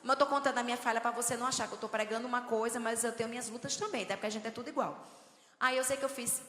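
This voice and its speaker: Lively woman preacher. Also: fairly high pitch, rapid-fire, slight background noise. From Northeast Brazil. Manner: lively, storytelling with humor. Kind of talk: sermon. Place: church hall. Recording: echoey church hall.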